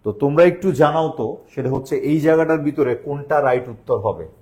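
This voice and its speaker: A man's voice: on the high side, fast talker, darkish tone. A young man with a Bangladeshi Bengali accent teaching an online grammar lesson for admission coaching, asking his students questions and answering them himself.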